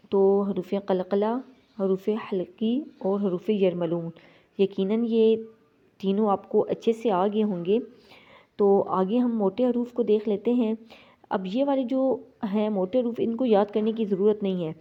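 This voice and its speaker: A woman teaching Quran reading, explaining pronunciation step by step and drawing out single letters slowly to demonstrate. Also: medium pitch, dull audio.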